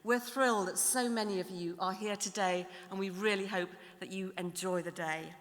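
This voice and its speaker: A middle-aged woman giving a formal, measured graduation address from a podium, building her points through lists and repetition in a large ceremony hall. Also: mid-range voice, steady tone. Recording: long hall reverb in a large hall.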